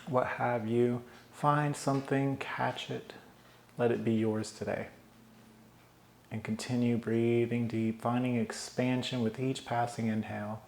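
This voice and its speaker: In a slow, soothing, gravelly voice of middle pitch, a man leads a meditation, pausing at length between calm breathing cues. A roomy echo surrounds him, with a faint ambient hum underneath.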